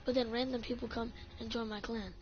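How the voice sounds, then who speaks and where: A woman's voice: on the high side, fairly even intonation, a little fast, slight background noise. A woman ranting in a casual vlog about her gaming clan, swearing often and saying "like" a lot. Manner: ranting, profane, full of "like". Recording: dull lo-fi audio, faint music.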